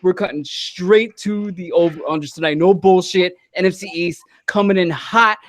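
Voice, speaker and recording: High-voiced joking sports podcast host. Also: male voice, fairly even intonation, normal speed. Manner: playful, joking, swearing. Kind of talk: casual sports podcast chat.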